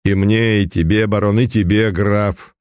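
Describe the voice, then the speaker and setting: A man's voice: fairly low pitch, steady tone, a little slow, a little mellow, smooth, dry recording, studio quality, natural voice. A man voicing a nervous, cautious military officer in an audiobook reading. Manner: nervous and insistent.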